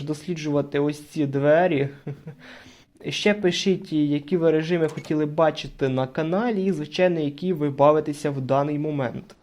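A young man talks his way through a horror game, describing each room and door he opens. His voice sits a bit high for a man yet sounds mellow and soft. He chats casually and gets jumpy when something comes near. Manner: chatty, narrates each move, nervous bursts when hiding. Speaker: gaming channel host. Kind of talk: casual Let's Play commentary.

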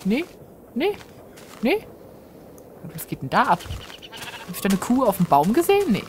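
A woman's voice: on the high side, huge pitch swings, normal speed, darkish tone, slight background noise. A woman giving chatty, self-mocking commentary while playing a game and talking to her viewers. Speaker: let's player. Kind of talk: casual gameplay commentary.

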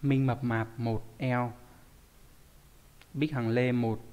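A man's voice: medium pitch, little pitch movement, very slow, darkish tone, clean tone. A man teaching a live online language class, reading out student answers and asking the class frequent rhetorical questions. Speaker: Japanese teacher. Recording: long hall reverb.

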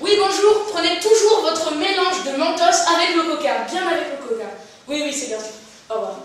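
A woman playing a hurried, dismissive doctor who rushes through her patients. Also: very high voice, animated, very echoey, distant mic. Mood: brusque.

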